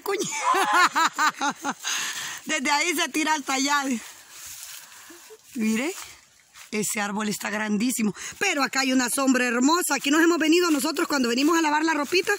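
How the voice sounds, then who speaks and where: A woman's voice: high voice, brisk, pushed and bright. A Honduran woman chatting and teasing as she films a walk along a rural riverbank, laughing often. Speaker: vlogger. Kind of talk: casual walking vlog. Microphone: handheld camera while walking.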